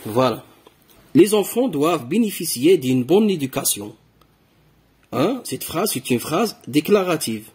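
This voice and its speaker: A man's voice: fairly high pitch, big pitch swings, a little slow, darkish tone, slightly rough. A man teaching a French grammar lesson to primary pupils, patiently repeating key words and asking questions.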